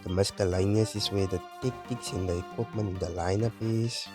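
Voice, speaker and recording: A man giving casual let's play commentary, explaining things in a relaxed, rambling way. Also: fairly low pitch, normal speed. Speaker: gaming channel host. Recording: game music playing loudly. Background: game music.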